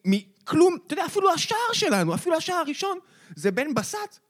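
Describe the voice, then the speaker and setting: A man co-hosting a casual sports podcast, telling animated stories and acting out what people said. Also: extremely high pitch. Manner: animated storyteller who acts out quoted remarks. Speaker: podcast co-host.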